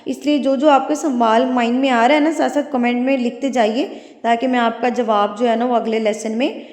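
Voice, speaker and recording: A woman's voice: a little high, fairly even intonation, a little mellow. A woman teaching Quran recitation rules, patiently explaining each point. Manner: explains patiently, then recites slowly and drawn out. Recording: echoey room with long reverb.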